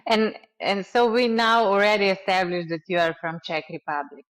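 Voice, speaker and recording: A woman's voice: medium pitch, fairly even intonation, normal speed. A woman hosting a podcast interview, asking curious, hedged questions. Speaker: podcast host. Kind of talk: casual interview.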